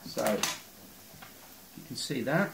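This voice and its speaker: In his home kitchen, a middle-aged home cook slowly gives step-by-step cooking instructions, filmed by a phone camera across the room. The sound is distant and roomy, and the background is noisy with a sizzling pan and boiling water.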